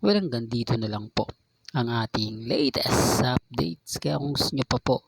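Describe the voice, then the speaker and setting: A man's voice: mid-range voice, normal speed, vocal fry, slightly rough, no echo, low-quality recording. Insistent polite man vlogging fan updates. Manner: polite, insistent, addresses viewers directly. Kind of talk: casual fan update vlog.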